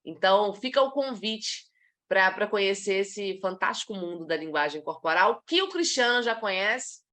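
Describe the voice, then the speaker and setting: A woman from Brazil giving a live talk to professionals on body language, lively and demonstrative, acting out examples as she goes. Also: medium pitch, moderate pace.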